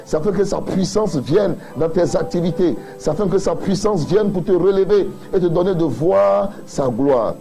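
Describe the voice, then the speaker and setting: A pastor preaching a sermon, building emphatic repeated refrains and addressing the listener directly. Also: male voice, high voice, lively intonation, moderate pace, hardly any pauses, warm tone, soft background music, rough recording.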